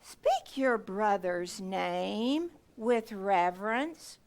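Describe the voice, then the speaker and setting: A woman voicing a stern mother in a storybook, with slow, dramatic delivery. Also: mid-range voice, big pitch swings, over loud music, pitched below the performer's own voice, exaggerated voice. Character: boy's mother, stern and easily puzzled.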